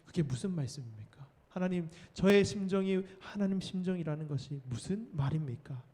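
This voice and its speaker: A man's voice: sits high, lively intonation, a little fast, dark tone. A man voicing a grieving, childless woman who pleads anguished prayers during a sermon. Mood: pleading.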